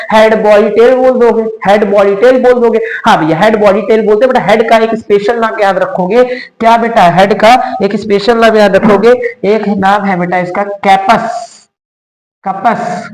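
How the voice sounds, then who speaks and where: A young man with a high voice teaches biology in an echoey room. He talks to his students in a coaxing way, repeats each term several times, and answers his own questions. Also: fairly even intonation, moderate pace. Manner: repetitive, coaxing, asks questions and answers them himself. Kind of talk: explanatory lesson for exam students.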